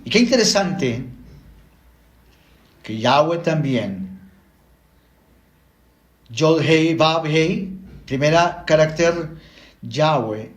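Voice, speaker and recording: A man teaching the Bible slowly and deliberately, explaining word by word. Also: fairly high pitch, echoey room.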